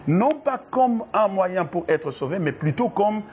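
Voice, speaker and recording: A pastor from the Democratic Republic of the Congo, he answers questions about church doctrine in an interview, earnestly and like a preacher, hesitating often and repeating words. His high voice is expressive, husky, and darkish in tone, at a measured pace.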